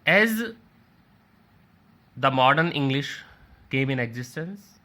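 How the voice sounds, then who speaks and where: A man lecturing on literature at an unhurried pace. His voice is bright and clear, and he repeats each definition in new words. He points his listeners through examples on a slide. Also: mid-range voice, lively intonation. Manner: slow, explains by restating and rephrasing.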